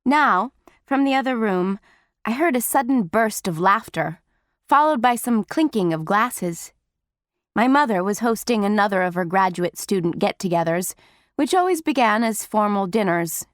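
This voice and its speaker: A woman narrating a teen novel in the first person, with steady, wry storytelling. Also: mid-range voice, moderate pace, dry recording, clean studio sound. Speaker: audiobook narrator.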